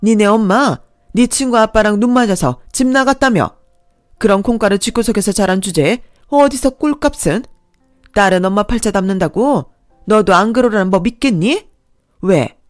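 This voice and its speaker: A woman's voice: medium pitch, dry recording, clean studio sound, close to an everyday voice. A woman voicing a scornful older mother-in-law who scolds with contempt in a Korean radio drama.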